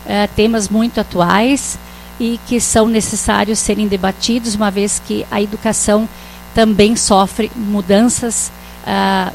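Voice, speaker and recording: A Brazilian-accented woman addresses a municipal council chamber in a formal, measured way. Her pitch sits in an ordinary middle range, and she stops now and then to search for the right phrase. A faint hum lingers behind her. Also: low-quality recording. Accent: Brazilian Portuguese. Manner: formal, halting, with frequent pauses to find words. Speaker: city councillor. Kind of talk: formal speech in a council session.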